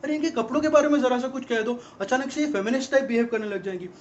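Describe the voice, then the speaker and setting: An actor playing an exasperated young man in a rapid-fire, mocking film comedy monologue about girlfriends. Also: extremely high pitch, a little mellow, slight background noise. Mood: ranting. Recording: dull lo-fi film audio.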